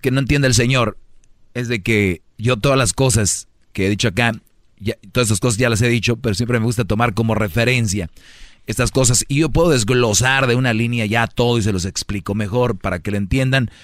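A man's voice: mid-range voice, brisk, no room sound, studio quality. Boastful joking radio host man. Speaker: radio show host giving advice. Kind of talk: comic advice talk with callers.

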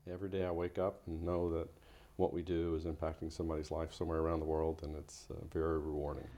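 A man's voice: a bass voice, monotone, quick pace, mellow. A man, a nonprofit head, telling his story in an interview, reflective with fillers and restarts. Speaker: guest, nonprofit chief executive.

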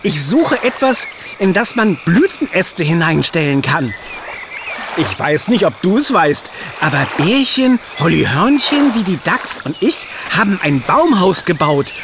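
An actor playing Hugo, an excitable, fretful animal in a children's audio drama, talking in a rush of worry. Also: male voice, high-pitched, unhurried, full character voice. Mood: storytelling. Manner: anxious, excitable, eager. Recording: audible background noise.

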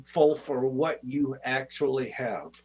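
A man's voice: medium pitch, slow, a little mellow, breathy edge, low-quality recording. A man hosting a call-in show, speaking courteously in an on-air promotional style. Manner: courteous, plugging the phone lines. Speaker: radio call-in show host. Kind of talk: upbeat on-air promotion and chat.

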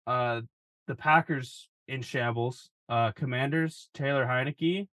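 A man's voice: medium pitch, slow pace, fairly bright tone, dry recording. A young man co-hosting a podcast, laid-back and wry in casual sports chat, swearing casually. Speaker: podcast co-host.

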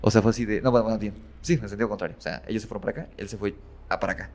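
A man's voice: fairly low pitch, fairly even intonation, very fast, darkish tone. A man casually retelling a horror story as a guest, rambling with many fillers and self-corrections.

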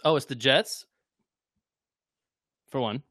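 A man's voice: medium pitch, slow, fairly bright tone, no room sound. A man co-hosting a casual sports podcast, teasing his partner with dry banter. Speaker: podcast co-host.

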